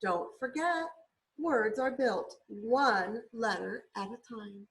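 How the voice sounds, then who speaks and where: A woman's voice: a little high, slow pace, a bit bright, poor audio. A woman voicing a cheery, grandly enthusiastic little female bird teacher in a storybook, chirpy and theatrical. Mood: fond, encouraging.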